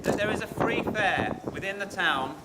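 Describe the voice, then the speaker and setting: A man's voice: high voice, expressive, moderate pace. A man reading a formal proclamation in a stately town crier manner, on a very noisy, windy outdoor recording. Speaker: official reading the Mayor's proclamation.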